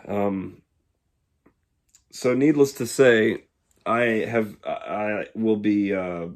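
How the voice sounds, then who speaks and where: A man in his twenties from Georgia, speaking in a casual, reflective monologue that pauses often to find the words. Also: on the low side. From Georgia, USA. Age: 20s. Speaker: YouTuber.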